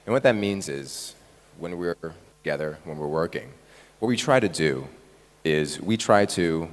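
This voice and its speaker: A man from Taiwan giving a conference presentation in a relaxed, conversational way, often checking in with the audience. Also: very deep voice. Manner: relaxed, conversational, frequent "right?" tags. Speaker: conference speaker. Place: large conference hall. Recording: reverberant hall.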